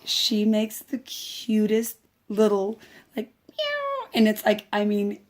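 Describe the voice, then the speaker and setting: Mom vlogging about her kids, giggly and animated, keeps restarting sentences. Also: mid-range voice, slow, slight background noise. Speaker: adoptive mother, vlogger. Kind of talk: casual chat.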